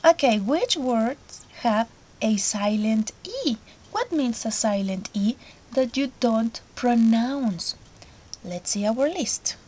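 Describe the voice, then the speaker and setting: A woman's voice: a little high, lively intonation, slow pace, a little mellow. A woman teaching an English lesson to children, explaining each step patiently. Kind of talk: recorded remote lesson.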